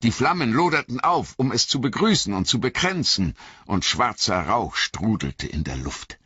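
A man reading a fantasy novel aloud as an audiobook narrator, in a measured, dramatic way. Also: mid-range voice, big pitch swings, sharp tone, slightly rough, no echo, lo-fi sound.

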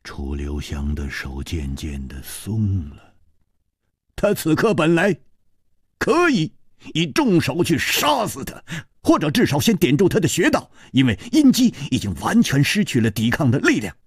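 A male storyteller narrating a traditional long-form story in a dramatic way, swinging from hushed to loud. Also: mid-range voice, wildly swooping pitch, a little slow, slightly rough, no room sound, studio quality.

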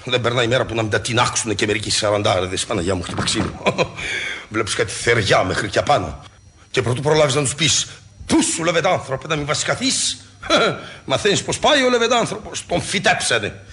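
A man's voice: medium pitch, animated, pushed and bright, slight background noise. An actor in his forties playing an anxious hypochondriac husband in a 1960s radio play, fretful and comic. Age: 40s.

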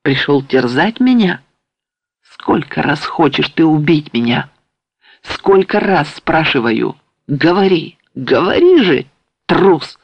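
A male reader playing a delirious young warrior who shouts in hoarse, broken outbursts. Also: fairly high pitch, lively intonation, slow, dry recording, muffled recording, exaggerated voice. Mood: raving, defiant. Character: delirious young man, feverish warrior raving.

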